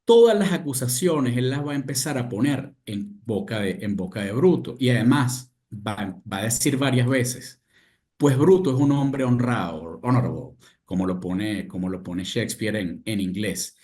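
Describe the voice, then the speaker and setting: Man giving a lively seminar talk. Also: fairly low pitch, moderate pace, few pauses. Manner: retells scenes with lively quoted asides, many restarts. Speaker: lecturer at a seminar.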